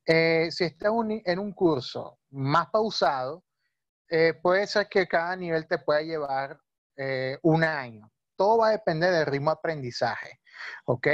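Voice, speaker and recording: A man's voice: a little high, animated, a little slow, dry recording, dull audio. Man teaching over a video call. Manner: patient, many fillers and checking questions. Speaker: language teacher. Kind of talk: explaining in a video-call talk.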